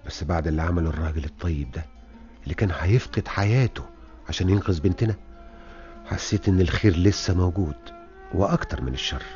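An actor playing an anxious middle-aged father in a classic radio drama, speaking Egyptian Arabic, emotional and rising in pitch when upset. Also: a little mellow, natural voice. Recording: lo-fi old radio with faint music.

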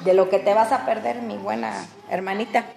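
An older woman with a Mexican accent preaching a folksy, conversational sermon, calling her listeners "brothers" and swinging between loud and hushed. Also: medium pitch, steady tone, normal speed, gravelly, echoey room. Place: church hall.

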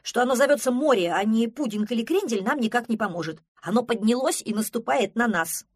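A panicky male woodland creature from a storybook, loud, breathless and frantic, as a woman puts him on. His voice is husky and dry. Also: on the high side, lively intonation, brisk, dry recording, pitched above the performer's own voice. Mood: indignant. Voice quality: yelling, breathless.

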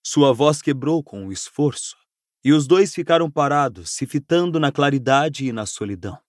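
A man's voice: mid-range voice, moderate pace, no room sound. Man, Brazilian accent, audiobook narration, dramatic, dry close mic. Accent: Brazilian Portuguese. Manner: expressive, dramatic reading. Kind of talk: scripted narration.

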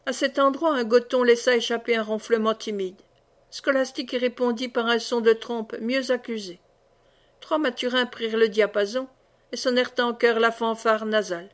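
A woman narrating a classic novel as an audiobook reader, in a measured, even storytelling manner. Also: a little high. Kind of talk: scripted narration.

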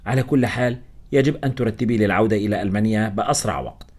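A man voicing a young bearded doctor who asks calm, probing questions in a storybook reading. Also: lowish voice, rapid-fire, breathy edge.

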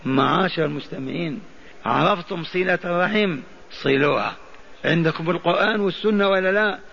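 A man's voice: sits high, a little fast, vocal fry, a bit bright. An older man giving a mosque lesson on hadith, putting questions to his listeners and answering them himself. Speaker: Islamic scholar teaching hadith. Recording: dull lo-fi archive recording.

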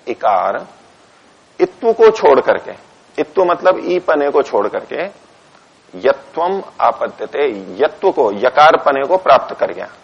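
A man's voice: a little high, very animated, measured pace, creaky, husky. A man teaching a class on a philosophy text. He reads Sanskrit lines aloud, explains each one in Hindi, dictates punctuation to the students and answers his own questions. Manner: asks questions to the class and answers them himself. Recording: dull lo-fi lecture recording.

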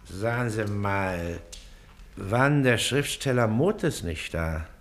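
Baron von Wehrhahn, pompous, animated official. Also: male voice, fairly low pitch, slow. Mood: self-important. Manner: pompous, clipped questioning. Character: pompous, officious, authoritarian male Prussian baron and district official. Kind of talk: theatrical German radio play acting.

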